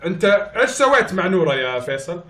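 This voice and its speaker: A man's voice: high voice, very animated, fast, bright, forceful tone. A man making a prank phone call in a hesitant, stalling way. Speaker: prank caller. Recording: echoey room.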